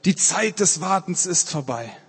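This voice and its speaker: A man voicing an excitable orator who addresses a crowd with loud, declaiming enthusiasm in a storybook reading. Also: high voice, a little slow, husky, big-room sound, pitched above the performer's own voice, exaggerated voice. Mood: rousing. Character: excitable male crowd orator, rousing and eager.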